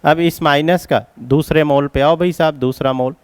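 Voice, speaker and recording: Guy teaching chemistry step by step, kinda high voice, dry close sound. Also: fairly even intonation, normal speed, clean tone, no echo. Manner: explains step by step, addresses students as children. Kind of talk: classroom lecture at a board.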